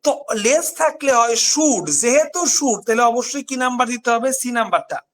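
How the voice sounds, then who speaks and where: A man's voice: very high-pitched, animated, moderate pace, a bit bright. A man from Bangladesh teaching English grammar in a live online class, repeating key points and asking questions back to his students. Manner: repetitive, drilling questions and answers.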